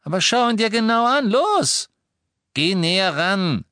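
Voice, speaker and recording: A man voicing an excited, impatient aristocratic wizard who presses eagerly. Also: on the high side, unhurried, no echo, studio quality, pitched above the performer's own voice.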